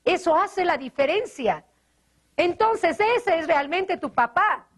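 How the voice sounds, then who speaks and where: Woman preacher, high bright register, earnest sermon delivery, softens and slows on tender passages. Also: expressive. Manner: earnest preaching with rhetorical questions and scripture quotes. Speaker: pastor.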